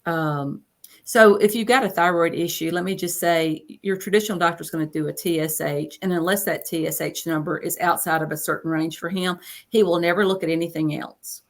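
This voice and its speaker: This fifty-something coach speaks a little fast in a lowish, steady voice as she casually describes being an interview guest. She's chatty and repeats phrases for emphasis.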